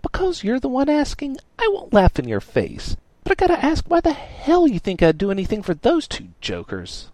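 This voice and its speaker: A man voicing a blunt, tough teenage girl mechanic who talks in a gruff, dismissive way. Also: very high voice, wildly swooping pitch, normal speed, hardly any pauses, a little mellow, no echo, pitched above the performer's own voice, exaggerated voice. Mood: annoyed.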